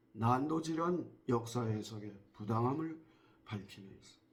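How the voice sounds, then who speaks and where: Man, history lecture, mid-pitched voice, measured delivery, rhetorical questions, hesitant pauses.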